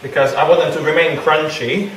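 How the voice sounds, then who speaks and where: A man's voice: on the high side, steady tone, brisk, a bit bright. A man from Bosnia and Herzegovina, a guest cook, explaining a kitchen demonstration step by step. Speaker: guest cook and orchid judge. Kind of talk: casual demonstration. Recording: roomy, faint noise.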